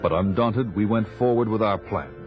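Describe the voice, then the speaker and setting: A man's voice: lowish voice, moderate pace, highs cut off, soft background music, natural voice. An actor playing a bold, fearless barbarian hero who tells his own adventure in a grave, dramatic, archaic way for an audio drama. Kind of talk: audio drama narration and dialogue.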